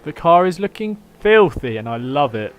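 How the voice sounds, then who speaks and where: A man's voice: a little high, big pitch swings, normal speed. A man with a British accent in informal, matey livestream chat, giving race updates like a team engineer. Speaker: livestream host and sim racing team engineer.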